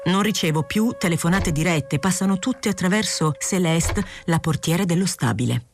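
A woman voicing an aging male journalist who is mild, polite and quietly insistent, in a literary audiobook. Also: lowish voice, normal speed, soft background music, voice pushed up, lightly acted.

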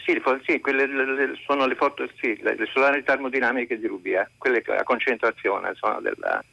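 A man's voice: mid-range voice, expressive, gravelly, pushed and bright, lo-fi sound. A man from central Italy calling in by phone to a radio show, explaining his question at length in an earnest way, often stopping and restarting his sentences. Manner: earnest, long-winded explaining with frequent halting restarts. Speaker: caller.

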